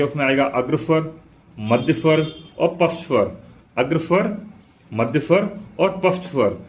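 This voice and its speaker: Guy teaching exam prep, mid pitch, keeps asking the class then answering it himself, says everything twice. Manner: asks the class questions then answers them himself, repeats key points.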